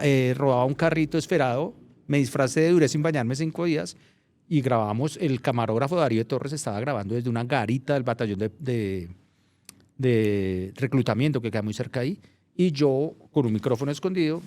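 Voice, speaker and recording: Middle-aged man, journalist guest, anecdotal storytelling, restarts phrases, medium pitch, dry close sound. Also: brisk, no echo. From Colombia. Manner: anecdotal, restarts phrases, animated when recounting. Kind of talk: casual storytelling interview.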